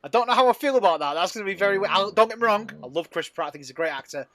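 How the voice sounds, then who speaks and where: A man's voice: high voice, lively intonation, rapid-fire, crowd noise. A man hosting a casual podcast chat, joking, laughing often and trailing off mid-thought. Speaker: podcast host.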